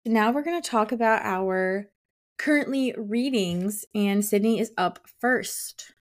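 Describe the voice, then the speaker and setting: A school teacher co-hosting a podcast chats about books in a medium-pitched voice at a slow pace. She's informal and effusive, using "like" heavily.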